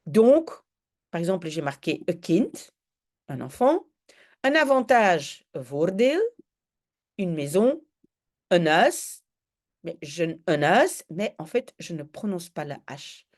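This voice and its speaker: A woman's voice: fairly low pitch, very animated, slow pace, pauses often, a little mellow. A woman giving an informal video lesson on Dutch grammar, explaining step by step and checking in with the viewer. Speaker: Dutch language tutor.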